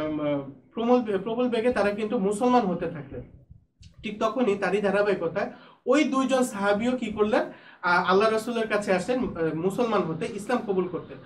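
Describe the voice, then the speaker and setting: Male teacher, Bangladeshi Bengali accent, high voice, hesitant step-by-step explanations, slightly off-mic recording. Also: far from the mic, slight background noise, poor audio. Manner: explains word by word, with frequent hesitations. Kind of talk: online school lesson.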